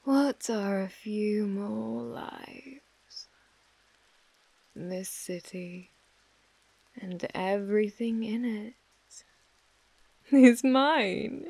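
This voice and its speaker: A woman's voice: mid-range voice, gravelly, a little mellow, husky, no echo, full character voice. Woman playing a ASMR role-play British possessive mafia heiress. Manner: slow, controlling, condescendingly affectionate. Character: possessive, obsessive female mafia heiress, menacingly tender captor.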